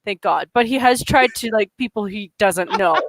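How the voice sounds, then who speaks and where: A woman's voice: mid-range voice, moderate pace, no echo, low-quality recording. A young Canadian woman from Alberta with a stuffy nose, hosting a casual chat, rambling with fillers and giggles. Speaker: podcast host.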